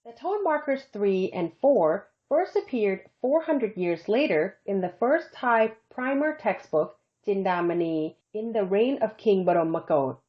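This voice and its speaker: Woman, animated pitch, scripted lesson narration, careful demonstrations, dull lo-fi audio. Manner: slow, careful demonstration of tone examples. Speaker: language instructor.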